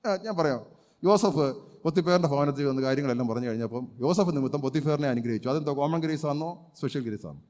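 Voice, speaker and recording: A man preaching at a rapid clip, his voice pitched a little high and ringing out with a long reverb through a church hall. He is a pastor delivering an emphatic sermon, asking rhetorical questions and breaking into loud shouts of praise. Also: animated.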